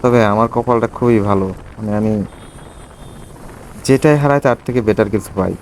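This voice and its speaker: A man's voice: medium pitch, normal speed, darkish tone, slight background noise, low-quality recording. A man with a Bangladeshi accent chats casually and reflectively to viewers as he rides, speaking from inside a motorbike helmet. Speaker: motovlogger. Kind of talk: casual riding vlog chat.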